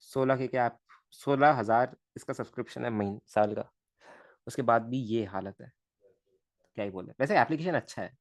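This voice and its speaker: A man's voice: mid-range voice, moderate pace, no room sound. A male physics teacher talking through a live online lesson. He chats casually and mutters to himself as he sketches diagrams. The sound is dry and close. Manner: chatty, mutters to himself while drawing.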